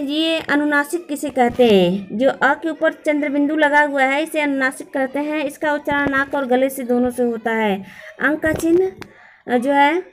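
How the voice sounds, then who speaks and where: Lady teacher, pretty high voice, goes through letters one by one and keeps asking if you got it. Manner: spells out sounds letter by letter, checks in often. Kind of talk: grammar lesson.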